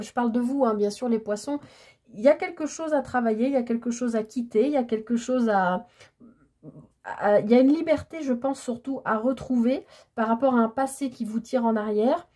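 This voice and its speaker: A woman giving a tarot reading in a casual, hesitant way, stammering and filling pauses as she talks. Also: on the high side, dark tone. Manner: hesitant, stammering, many fillers. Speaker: tarot card reader.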